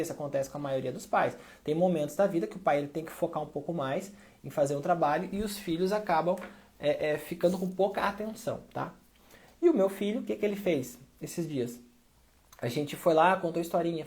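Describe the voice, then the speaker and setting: A man's voice: fairly high pitch, darkish tone. A man talking straight to camera as a parenting educator, conversational and often checking in with short tag questions. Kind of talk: direct-to-camera advice talk.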